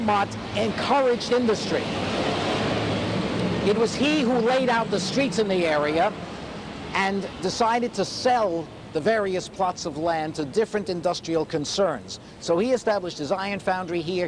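Outdoors by a graffiti wall on a city street, an older male historian leads a walking tour, telling its history as an animated storytelling lecturer fond of puns. His voice is high and his speed normal. The noisy 1980s camcorder recording, made from a few feet away, picks up city traffic.

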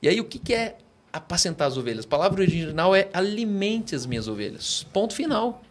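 Emphatic Brazilian pastor, higher-pitched man. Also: big pitch swings, fairly quick. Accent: Brazilian Portuguese. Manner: emphatic, teaching with rhetorical questions. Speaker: pastor, podcast guest. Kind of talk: conversational preaching.

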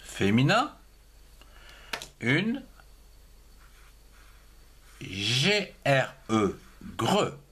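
A man teaching young children to write, moving through each word at a very slow pace. He spells out every letter and syllable one at a time, his voice rising and falling in a lively sing-song. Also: medium pitch, a little hiss or hum.

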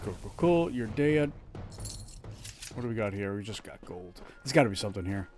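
With a fairly low, expressive and slightly mellow voice at normal speed, a man in his thirties gives casual live commentary while streaming a game from home. He's chatty, jokes about his own play and restarts often, and a little hiss or hum can be heard.

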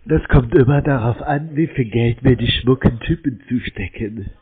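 Over a tinny, narrow telephone line, a man with a husky, mid-range voice chats casually at a moderate pace. He's the recipient of a prank call and plays along, giving short answers that sound naive.

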